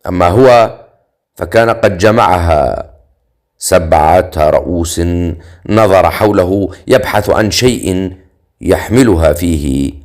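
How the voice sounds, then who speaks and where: A man narrating a dark fantasy audiobook in a measured, dramatic way. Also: low voice.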